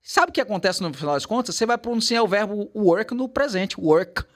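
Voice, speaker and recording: Brief: male English tutor, Portuguese native, lively swooping delivery, careful slow demos of English sounds. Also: high-pitched. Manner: animated, switches to slow careful English examples. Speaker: English teacher. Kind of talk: casual teaching chat.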